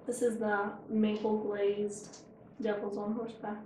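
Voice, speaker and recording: A woman's voice: medium pitch, completely flat delivery, unhurried, dark tone, slight background noise. A woman hosting a casual home cooking show, chatting and joking while she tastes her food in her kitchen. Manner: chatty, joking, talks with her mouth full. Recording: echoey kitchen, mic far off.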